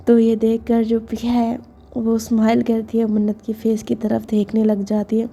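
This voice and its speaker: Mellow-voiced woman telling a love story. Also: fairly high pitch, lo-fi sound. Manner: chatty, intimate retelling with many fillers. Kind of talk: casual romance story narration.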